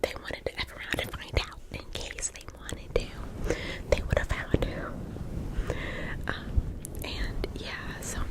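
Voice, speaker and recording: A woman hosting ASMR, telling casual stories in a breathy, unvoiced whisper close to the mic in a chatty, rambling way. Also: slow, long pauses. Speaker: ASMR host. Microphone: close-up mic with fluffy cover.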